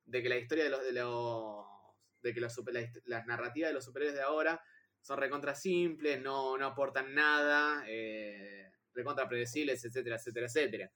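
A man with a Rioplatense accent in casual film chat, excitable and heated, with stumbling restarts and slang. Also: medium pitch, a little fast. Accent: Rioplatense Spanish. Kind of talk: casual chat about films.

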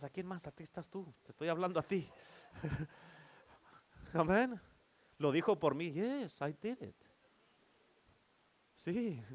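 A male pastor preaching a sermon in church, playful and teasing as he keeps calling for amens from the congregation. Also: fairly high pitch.

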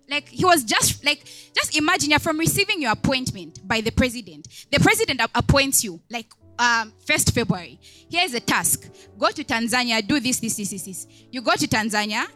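A woman's voice: on the high side, pushed and bright, dry recording. A young woman, a deaconess, giving a conversational sermon, chatty, with many asides and questions put to the congregation. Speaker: deaconess preaching.

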